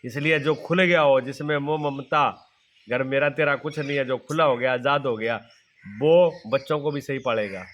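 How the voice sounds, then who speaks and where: Speaking at a moderate pace in a medium-pitched, fairly bright voice, a middle-aged spiritual teacher preaches a devotional sermon. He raises rhetorical questions and answers them, leaning repeatedly on plain, folksy examples from ordinary life.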